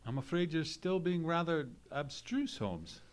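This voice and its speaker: A man's voice: a little high, sing-song, a little slow. A man playing a genteel, courteous doctor and loyal companion in an old-time radio mystery, speaking in formal Victorian phrases. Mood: puzzled, concerned. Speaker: narrator and actor in a live radio play. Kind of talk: old-time radio drama acting, storytelling. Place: live performance in a theatre.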